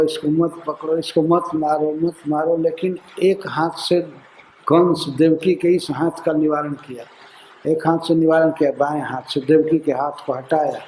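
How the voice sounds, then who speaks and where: A man, a monk and preacher, giving a devotional scripture lecture, who chants verses and then explains them slowly. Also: a little high, a little mellow, slight background noise. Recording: echoey room.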